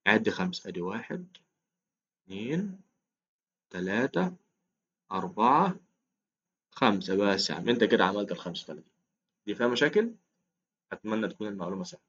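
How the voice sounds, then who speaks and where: A man's voice: medium pitch, fairly bright tone, lo-fi sound. A man with an Egyptian accent teaching a math lesson in a chatty, coaxing way, counting aloud as he works. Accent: Egyptian Arabic. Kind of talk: casual explained lesson.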